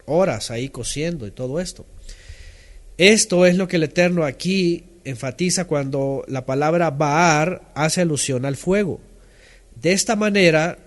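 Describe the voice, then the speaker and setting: A man giving a teaching sermon, talking in a conversational way and often checking in with his listeners. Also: on the high side. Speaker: Bible teacher.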